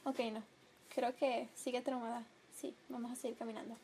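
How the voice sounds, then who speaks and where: Excitable high-voiced woman gamer. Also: moderate pace. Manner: emotional, swings to loud outbursts. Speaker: gameplay commentator. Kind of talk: let's play commentary. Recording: home mic with clear background noise.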